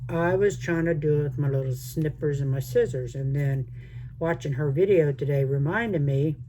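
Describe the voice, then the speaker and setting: An older, retired resin crafting channel host with a mixed Southern American accent chats casually with viewers, calling them "y'all," while doing a resin craft. Her chatty, rambling vlog talk comes in a warm, mid-range voice at normal speed, with slight background noise.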